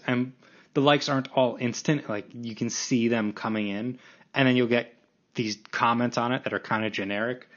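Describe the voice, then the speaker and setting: A man's voice: medium pitch, lo-fi sound. A man in his late twenties hosting a solo podcast, rambling casually and self-deprecatingly with frequent restarts. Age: 20s. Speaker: podcast host.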